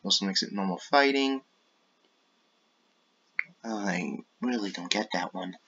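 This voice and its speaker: A man's voice: lowish voice, unhurried, a bit bright, husky, lo-fi sound. A man hosting his own gaming channel, talking in a casual, rambling way, often breaking off mid-thought to apologize and change course. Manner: rambling, self-interrupting, apologetic asides. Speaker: YouTube gaming channel host.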